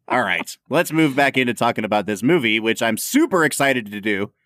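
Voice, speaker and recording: A man's voice: medium pitch, fairly bright tone, dry recording, studio quality. A man co-hosting a podcast, chatting casually and opinionatedly about a film, laughing often. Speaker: podcast co-host.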